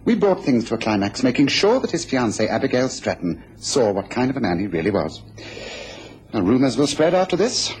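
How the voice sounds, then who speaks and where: An actor playing a shrewd, self-assured gentleman detective in a radio drama. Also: mid-range voice, slight background noise, lightly acted, poor audio.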